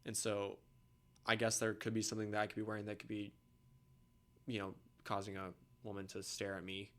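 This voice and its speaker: A young man talking casually as a podcast guest, opinionated, often trailing off quietly at the end of a point. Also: on the low side, completely flat delivery, brisk.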